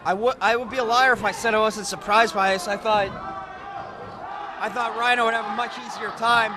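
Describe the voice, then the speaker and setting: A man calling live wrestling as an excitable, emphatic play-by-play commentator. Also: sits high, fairly quick. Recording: loud crowd noise behind. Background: wrestling event crowd.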